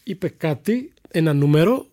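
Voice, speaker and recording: This middle-aged Greek man, a sports broadcaster appearing as a guest on a podcast, shares broadcasting anecdotes with real gusto in a somewhat high voice. He's an animated storyteller, changing his tone to act out the people he quotes.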